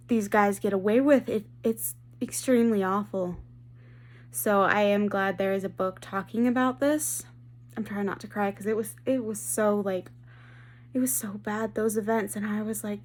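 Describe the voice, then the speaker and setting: Woman book vlogger, casual and enthusiastic, mid-pitched, prone to restarts. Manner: chatty and enthusiastic, trailing off and restarting sentences. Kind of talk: casual vlog chat.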